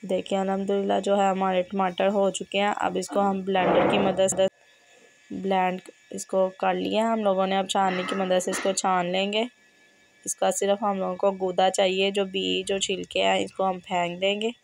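A hoarse woman with a fever explains a home recipe in a cooking tutorial, recorded indoors in her home kitchen with slight background noise. The cooking channel host speaks at medium pitch and a moderate pace, giving steady step-by-step instructions and repeating measurements.

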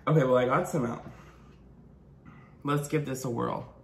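A man chatting casually to camera in a food vlog, excitable and quick to swear, with nervous laughs. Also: medium pitch. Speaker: vlogger. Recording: echoey room with faint background hum.

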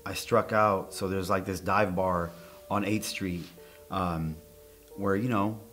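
A man's voice: deep voice, fairly even intonation, slow pace, fairly bright tone, faint music behind. A middle-aged man acting as a nervous, awkward witness under police questioning, hesitant, evasive and rambling. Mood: uneasy, defensive. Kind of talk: naturalistic screen acting, interrogation scene.

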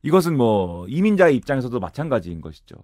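A man's voice: medium pitch, fast, dry recording. A man talking through politics as a commentator guest, explaining points step by step in a studio discussion. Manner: explanatory, lively with sudden rises and drops. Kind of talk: analytical discussion.

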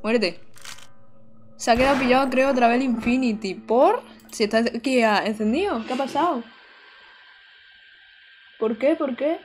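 A young woman from Almería, streaming a game live and chatting excitedly with her viewers. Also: fairly high pitch, moderate pace, pauses often, noisy background. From Almería, Andalusia, Spain. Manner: chatty and excitable, talks to chat, exclaims often. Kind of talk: live-streamed gameplay commentary.

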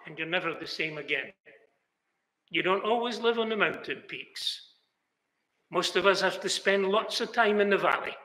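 With a high, sharp voice, an older British preacher speaks at a moderate pace and leaves long pauses. The sermon is earnest, now and then lifting into exclamations. It is recorded in an echoey indoor chapel hall by a fixed camera showing him seated in mid shot.

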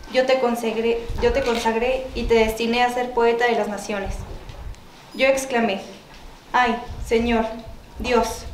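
Woman, Mexican accent, scripture reader, slightly high voice, echoey church, faint noise. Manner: careful read-aloud delivery with small restarts. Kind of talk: scripture reading. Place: church at a quinceañera mass.

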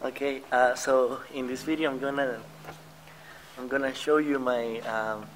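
A man's voice: mid-range voice, fairly even intonation, a little slow, over a noisy crowd, heavy background noise. A man in his late teens, a student vlogger, chatting casually outdoors beside a building and rambling with lots of fillers and small laughs. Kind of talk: casual vlog chat.

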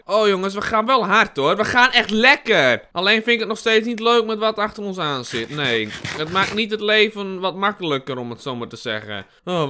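A man's voice: high-pitched, pushed and bright, clean tone. A young man giving let's play commentary on a horror game, jumpy and swearing, yelping at scares and laughing nervously. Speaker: gaming YouTuber.

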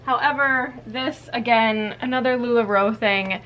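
A little high and a little slow, a young woman's fairly bright voice comes through with slight background noise. She vlogs a casual closet clean-out from a small walk-in closet, talking candidly to a camera on a tripod a few feet away and using lots of "like" and "you know."

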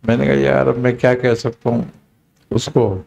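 A man, a spiritual teacher, telling a story in a relaxed conversational talk and acting out the quoted dialogue. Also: mid-range voice, gravelly. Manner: unhurried, recounting with quoted dialogue.

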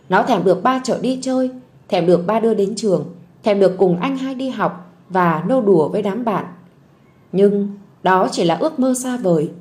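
A woman narrating a story audiobook in a gentle, soft storytelling voice. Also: medium pitch.

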